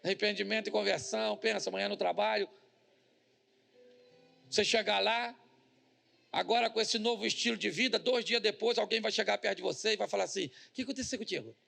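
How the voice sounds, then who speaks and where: A man's voice: sits high, fairly even intonation, a little fast, gravelly, pauses often, sharp tone. A male pastor preaching a humorous sermon, joking and acting out little scenes.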